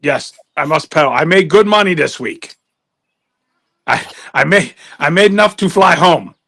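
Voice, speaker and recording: Guy doing a goofy ninja entertainer bit, choppy broken english, gravelly and bright, dry close sound. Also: fairly high pitch, animated, normal speed, no room sound, full character voice. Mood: jokey. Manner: clipped broken phrasing, mock-wise sayings. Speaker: recurring comic guest.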